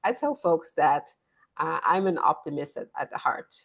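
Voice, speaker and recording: Woman in her forties, low gravelly voice, earnest interview guest. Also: lively intonation, normal speed. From born in Nigeria, raised in the US. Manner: earnest, repeats words as she talks. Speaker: guest, business consultant. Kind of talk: interview conversation.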